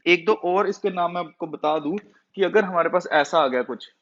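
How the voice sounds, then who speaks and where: Man, chemistry teacher, high voice, question-and-answer lecture style, muffled lo-fi recording. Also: normal speed, fairly bright tone. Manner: asks the class questions and answers them himself. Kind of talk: classroom lecture. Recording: dull lo-fi sound.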